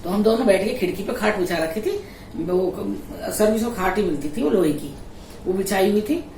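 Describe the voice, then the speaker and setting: A middle-aged woman, a vlogger, chatting in a casual storytelling way, animated and quick to laugh. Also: mid-range voice, a little hiss or hum. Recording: echoey room, voice a little distant.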